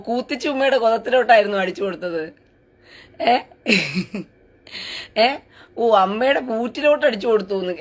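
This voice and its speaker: A woman hosting a live-stream commentary. She reads out viewer comments and answers them in a taunting, sarcastic, crude way. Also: medium pitch.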